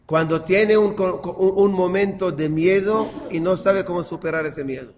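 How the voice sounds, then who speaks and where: A man's voice: high-pitched, darkish tone. Man lecturing in an echoey room. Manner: reads verses slowly, then explains with rhetorical questions. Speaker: teacher. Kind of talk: classroom lecture on scripture.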